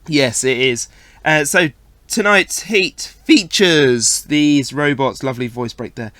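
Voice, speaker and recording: A man's voice: on the high side, slow, fairly bright tone, dry recording. A man hosting a casual podcast, his voice still recovering after he lost it, teasing his co-host.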